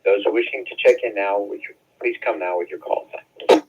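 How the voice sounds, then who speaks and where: Low husky guy running a ham radio net, staticky radio sound, thin phone-like band. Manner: halting, with fillers and self-corrections. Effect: heard over a two-way radio with static. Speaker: amateur radio net control operator. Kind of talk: reading a net script over the air. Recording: narrow-band radio transmission.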